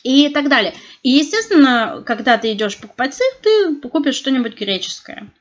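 A woman's voice: high-pitched, normal speed, dull audio. A middle-aged woman in casual chat, talking animatedly with lots of fillers and restarts. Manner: chatty, animated storytelling with frequent fillers and restarts.

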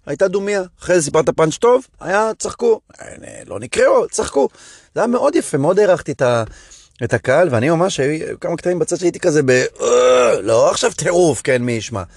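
A man's voice: fairly high pitch, no echo. Rambling man with a dry voice. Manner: rambling, animated, many restarts. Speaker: stand-up comedian podcast host. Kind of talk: casual monologue.

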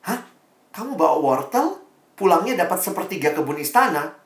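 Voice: mid-range voice, very animated, moderate pace. A preacher acting out a curious, envious friend in a sermon story, firing off surprised questions. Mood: excited. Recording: echoey room, voice far from mic.

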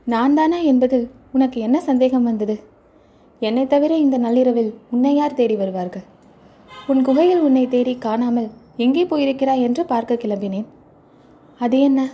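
A woman's voice: sits high, warm tone, husky. A woman voicing a stern older Buddhist monk who speaks in commanding questions in a storybook reading.

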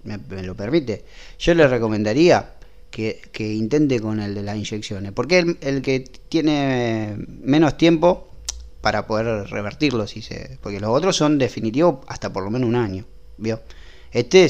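A man with an Argentine accent playing a hesitant male doctor in a comic sketch, halting with many filler sounds and restarts. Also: lowish voice, animated, darkish tone, lo-fi sound. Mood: explaining. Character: hesitant male doctor explaining odd treatments.

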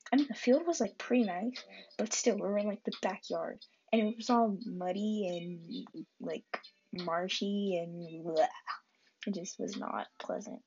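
A woman's voice: medium pitch, a little mellow, highs cut off. A teenage girl casually recapping her weekend in a rambling vlog, full of likes and ums. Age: teens. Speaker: student vlogger.

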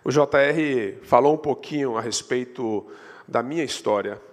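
A Brazilian man preaching a sermon as a pastor, in storytelling style, his voice rising in pitch and force on the points he stresses. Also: a little slow. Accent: Brazilian Portuguese. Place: church sanctuary. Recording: long hall reverb.

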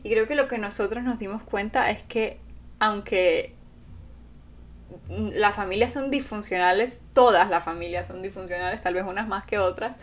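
Co-hosting a casual podcast with her partner, a Venezuelan woman speaks in a mid-range voice, earnest and lively, dramatizing the words people say. There's slight background noise.

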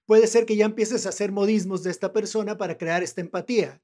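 An interviewer asking quick, probing questions in a casual chat. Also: mid-range voice, steady tone, dark tone.

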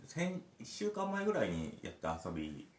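A man's voice: fairly low pitch, wildly swooping pitch, moderate pace, crowd noise. A man who is a parent, telling a rambling story with many fillers in casual podcast chat. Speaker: podcast host. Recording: roomy echo.

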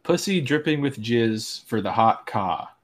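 A podcast co-host in a casual chat, this man speaks in a medium-pitched, expressive voice at an unhurried pace. He reads out facts in a dry manner and laughs often.

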